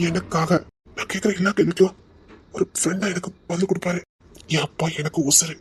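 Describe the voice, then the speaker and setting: A man's voice: sits high, fairly even intonation, a little fast, a bit bright, breathy edge, heavily acted. A young man acting a devoted lover who soothes and reassures his frightened partner in a romantic drama. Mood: fond, reminiscing. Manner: tender, soothing, insistent.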